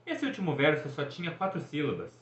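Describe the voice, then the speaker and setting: A man's voice: a little high, huge pitch swings, a little fast. A man voicing a stern, weary young goddess huntress who speaks curtly. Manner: curt, exasperated. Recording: echoey, dull room recording.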